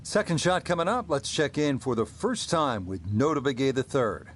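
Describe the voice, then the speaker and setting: A man works as the lead golf commentator on a live broadcast. His mid-range voice delivers short, measured play-by-play calls. A light bed of ambient noise sits behind him. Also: mid-range voice, lively intonation.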